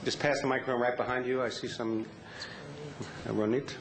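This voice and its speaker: A man moderating a conference panel, briskly directing questions and speakers. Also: mid-range voice, steady tone. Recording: echoey conference hall with noise.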